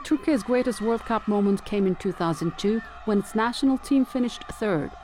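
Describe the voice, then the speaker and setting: Female field reporter, measured report voice. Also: medium pitch, lively intonation, raised voice, very noisy. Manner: measured broadcast delivery. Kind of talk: news report.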